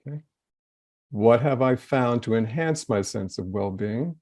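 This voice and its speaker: A man leading a wellness course, guiding a group through personal reflection in a gentle, loosely phrased way with halting restarts. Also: medium pitch, animated, no echo, studio quality.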